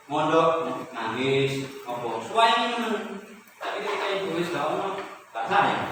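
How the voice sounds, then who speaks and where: A high-voiced man gives a lively religious lesson and keeps putting questions to his students. He is recorded from far off in a very echoey room with a long reverb tail. Steady noise runs under his voice. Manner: lively, mixes Javanese words, asks the class questions. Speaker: religious teacher.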